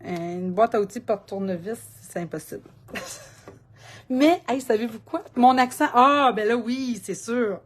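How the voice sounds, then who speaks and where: Québécois lady crafting live, rambly and chatty, voice a bit on the high side. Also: measured pace, a little hiss or hum. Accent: Québécois French. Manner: rambling, talkative, laughs often. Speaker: card-making host.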